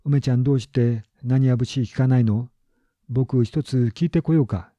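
A man voicing a mild, easygoing young male schoolteacher in a story, with gentle, unhurried speech. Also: medium pitch, no echo, close to an everyday voice. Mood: lazy. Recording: dull lo-fi recording.

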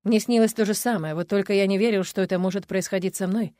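A woman voicing a confident man, a dragon lord, speaking calmly and tenderly. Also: mid-range voice, fast talker, dry recording, clean studio sound, lightly acted.

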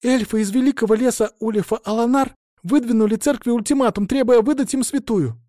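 A male audiobook reader voicing an excited, flustered young novice, pushed very high and loud. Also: normal speed, no room sound, studio quality. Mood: alarmed.

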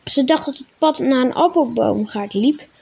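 Woman reading a children's story, husky voice. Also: high-pitched, moderate pace, darkish tone, muffled recording.

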